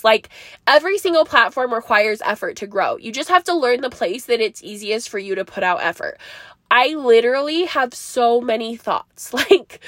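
Sitting in her parked car, a young podcast host chats alone in a rambling way, laughing frequently while her nose is stuffed up. Her voice is a little high and fairly bright, and the recording is dry with clean studio sound.

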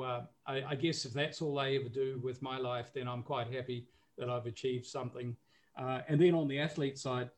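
A New Zealander in his sixties with a medium-pitched, darkish voice speaks casually as a podcast guest, full of fillers and restarts. He owns a recovery business and works as a coach, and the recording quality is low.

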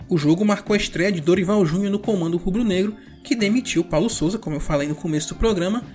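A woman's voice: lowish voice, quick pace, warm tone. A Brazilian woman hosting a football show, narrating a scripted round-up of results. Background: music bed.

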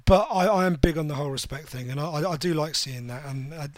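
High-voiced man, dry and wry. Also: fast, dry recording. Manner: wry, dry humor, stumbles and repeats words. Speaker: podcast co-host, MMA journalist. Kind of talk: casual post-fight recap chat.

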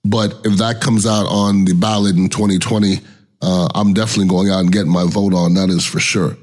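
A man's voice: low-pitched, level tone, a little fast, a little mellow. A middle-aged man hosting a casual solo podcast, talking in a blunt, slangy, colloquial way. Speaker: podcast host.

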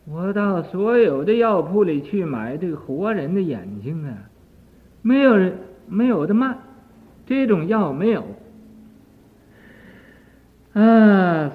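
An older man voicing a grief-stricken man who is desperate to cure his sick mother, in an anguished, pleading voice. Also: on the high side. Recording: tinny lo-fi archive tape.

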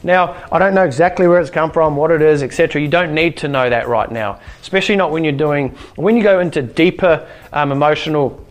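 A man's voice: on the high side, fairly quick, hardly any pauses. A man giving a casual motivational self-help talk who keeps checking in with the listener by asking "right?" and "okay?".

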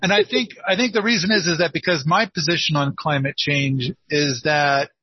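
A man's voice: a little high, fairly even intonation, normal speed, slightly rough, no echo. A man with a northeastern Oregon accent hosting a casual podcast consultation, rambling and self-deprecating with many restarts. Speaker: podcast host and permaculture consultant. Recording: dull lo-fi dry sound.

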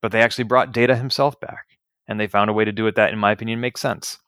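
Brief: male podcast co-host, low voice, dry close mic, opinionated, analytical, casual. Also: steady tone, fast talker, a bit bright, dry recording. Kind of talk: casual chat.

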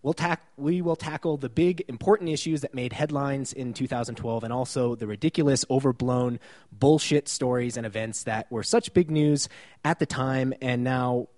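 A man's voice: mid-range voice, normal speed, darkish tone. Wry male podcast host. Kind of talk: casual podcast chat.

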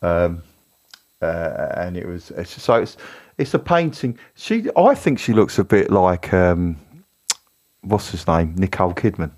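A deep-voiced man with a low, relaxed register chats on a comedy podcast. He wanders through a story, corrects himself and often breaks into little laughs. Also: a little slow. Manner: rambling, self-correcting, giggly storyteller. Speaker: podcast co-host. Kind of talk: casual comedic chat.

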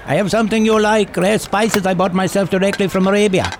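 A man's voice: high-pitched, fairly even intonation, fast talker, a little hiss or hum, lightly acted. An actor playing a wheedling Arabian spice merchant in a radio drama who keeps pushing his goods. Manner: wheedling salesman, keeps pressing his wares. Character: pushy chuckling Arabian spice merchant, man.

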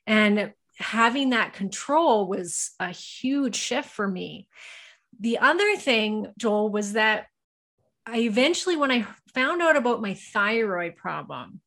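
A woman's voice: mid-range voice, animated, slow pace, fairly bright tone. A woman guest on a podcast, telling her personal story candidly and casually. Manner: candid, personal storytelling with frequent "you know". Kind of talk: casual interview talk.

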